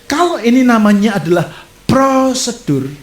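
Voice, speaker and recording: A man preaching a sermon as a pastor, telling stories with lively gestures and speaking straight to his congregation. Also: on the high side, measured pace. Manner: animated storytelling preacher, addresses audience directly. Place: church. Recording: echoey church hall.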